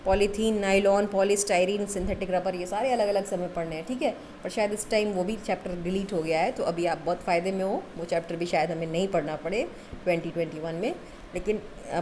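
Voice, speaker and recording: Higher-voiced woman teaching chemistry. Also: slight background noise. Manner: poses questions and answers them herself; frequent "okay" check-ins, mixes in English terms. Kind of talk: classroom lecture.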